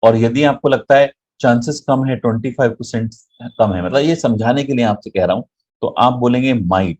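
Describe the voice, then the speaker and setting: A man's voice: medium pitch, normal speed, a little mellow, lo-fi sound. A man teaching an online English grammar lesson, explaining in Hindi mixed with English and often checking "right?" with his viewers.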